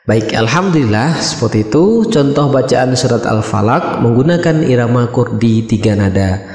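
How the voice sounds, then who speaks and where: A man hosting a recitation lesson, explaining the steps calmly and clearly. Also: medium pitch, moderate pace. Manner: calm, step-by-step explaining. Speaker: channel host and recitation teacher. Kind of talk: instructional explanation. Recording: echoey room with long reverb.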